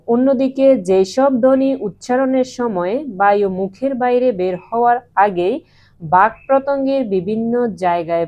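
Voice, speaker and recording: A woman teacher giving a grammar lesson, asking the class questions and answering them herself, and saying sounds out slowly and clearly. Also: medium pitch, mellow, highs cut off. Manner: slow and clear when pronouncing sounds.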